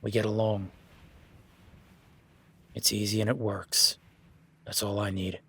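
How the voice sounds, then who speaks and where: In an audio roleplay, a man plays an easygoing male cowboy ranch hand, talking in a laid-back, folksy way and swearing casually. His fairly low voice is level, slow, pushed and bright, with a breathy edge and an exaggerated delivery.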